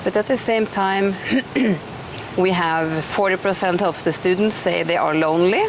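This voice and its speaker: A woman's voice: on the low side, unhurried. A middle-aged woman, hosting an interview in a chatty, enthusiastic way with many restarts. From Norway. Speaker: host. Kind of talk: casual conversational interview. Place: outdoors in an eco village. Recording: noisy outdoor recording.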